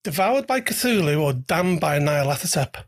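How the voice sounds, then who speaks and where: Husky-voiced giggling podcast host. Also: mid-range voice, sing-song, moderate pace. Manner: giggly, laughs often, teasing questions. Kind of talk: casual interview chat.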